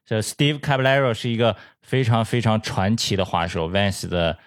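Low-voiced Chinese host, dry sound. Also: male voice, fairly even intonation, dry recording. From China. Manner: chatty, mixes in English words, halting in English. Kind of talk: casual chat.

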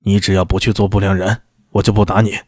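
A man voicing a proud, furious middle-aged father who blusters and makes gruff threats in a lowered voice. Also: little pitch movement, fast, no room sound, clean studio sound, natural voice.

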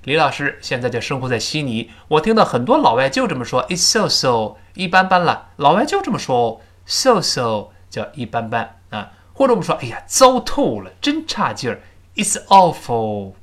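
A man teaching spoken English in a recorded lesson, explaining each phrase and then reading it slowly for repetition. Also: medium pitch.

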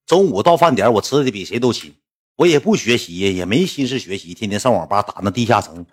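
Speaking fast in a husky voice, a young Northeastern Chinese man recounts school-day memories in a relaxed way, with faint music in the background. His pitch shoots up as he grows excited.

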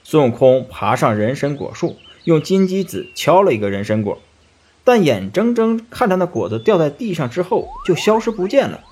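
A man narrating a classic tale in an expressive storytelling manner. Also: fairly high pitch, normal speed, husky.

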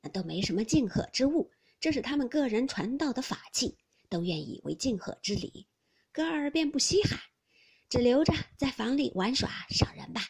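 A woman voicing a flattering old male Taoist priest who speaks humbly and coaxingly. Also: a little high, moderate pace, slightly rough, heavily acted. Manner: humble, coaxing, smiling speech.

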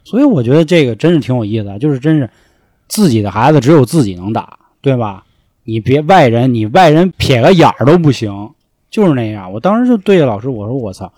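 A young man tells a rowdy story from his school days in a casual chat, cursing freely as he goes. His voice leaps up and down in pitch as he acts out the shouting in the story. The recording is dry and close, with no room sound. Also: dry recording. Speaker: storyteller guest.

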